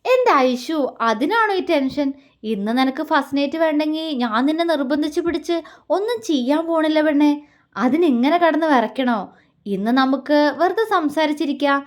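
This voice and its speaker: A woman's voice: fairly high pitch, animated, normal speed, close to an everyday voice. Woman voicing a teasing young husband. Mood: tender. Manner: warm, playful, coaxing.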